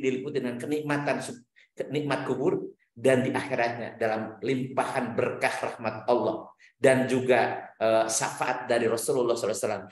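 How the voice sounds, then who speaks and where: A man preaching an Islamic lecture, reciting Arabic verses and telling stories with sweeping swings in pitch. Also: roomy sound. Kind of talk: religious lecture answering questions.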